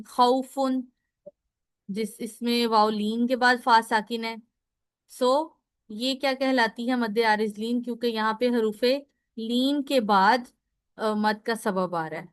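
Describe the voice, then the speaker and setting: Woman, recitation teacher, recorded lesson, step-by-step explaining, answers her own questions, smooth voice, dry sound. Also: a little high, measured pace, no echo. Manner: explains step by step, often checking in with "ठीक है"; asks questions and answers them herself. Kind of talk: recorded lecture.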